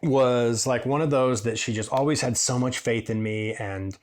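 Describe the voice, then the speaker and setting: A man's voice: medium pitch, normal speed. Chatty man telling a long story. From Washington State, USA. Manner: chatty, rambling, animated when quoting people. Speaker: hairdresser and podcast host. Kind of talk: casual storytelling monologue.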